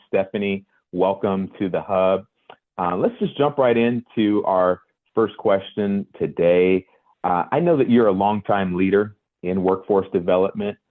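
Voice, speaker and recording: A man co-hosting a podcast, welcoming the guest and asking her questions in a polite, measured way. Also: on the low side. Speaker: podcast co-host, interviewer. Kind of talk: interview questions. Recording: tinny phone-like line.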